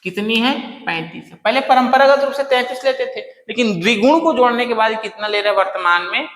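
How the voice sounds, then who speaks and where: A male teacher giving an exam-prep lecture, asking questions and answering them himself, and slowly repeating key phrases. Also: very high voice, lively intonation, fairly bright tone. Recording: echoey room with long reverb.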